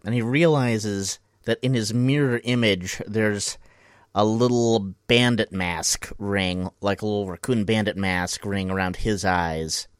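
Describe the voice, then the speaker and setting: A man with a fairly low voice retells a show's plot with lively, casual storytelling. The sound is dry, with no room echo. He speaks in a relaxed way. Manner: animated storytelling with laughs. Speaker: podcast co-host. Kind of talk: casual recap chat.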